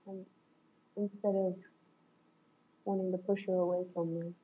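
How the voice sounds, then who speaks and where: A woman's voice: fairly low pitch, level tone, a little slow, breathy edge, phone-quality sound. A woman on a reflective coaching call, talking thoughtfully and searching for words, laughing often. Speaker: coaching client.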